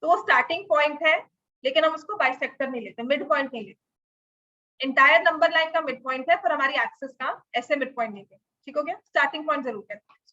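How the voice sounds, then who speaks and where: High bright-voiced woman maths teacher. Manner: mixes Hindi and English, checks understanding often. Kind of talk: classroom lesson. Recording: dull lo-fi recording.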